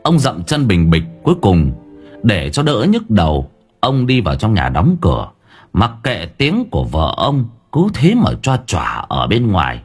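A man narrating an audio story in a lively, colloquial way. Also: lowish voice, unhurried, slightly rough, faint music behind.

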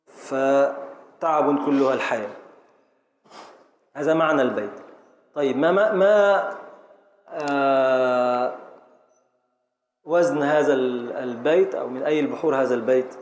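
A man with an Egyptian accent teaching a classroom lesson on Arabic poetic meter, explaining slowly and repeating syllables as he calls on students. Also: medium pitch. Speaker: teacher of Arabic grammar and prosody. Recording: echoey classroom with faint noise.

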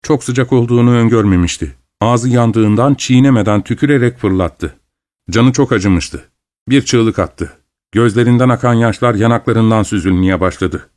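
A man narrates a novel aloud as an audiobook. His delivery is steady and even, with a mid-range pitch. He reads in a measured storytelling manner. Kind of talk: scripted narration.

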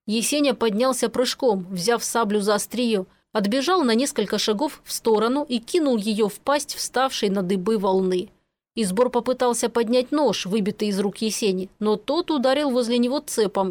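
A woman reading an adventure audiobook aloud with steady, vivid storytelling. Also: on the high side, no room sound. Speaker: narrator. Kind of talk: audiobook narration.

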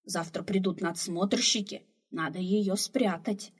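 A woman's voice: mid-range voice, fairly even intonation, measured pace, husky. A woman reading the part of a huge, kindly old female slave cook who fusses and sighs over a runaway girl. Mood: worried. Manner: fussing, motherly, sighing.

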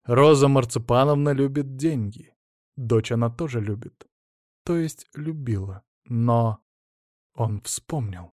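Reading an audiobook with measured expressiveness, a man speaks in a mid-range voice. The sound is clean studio audio without any room sound.

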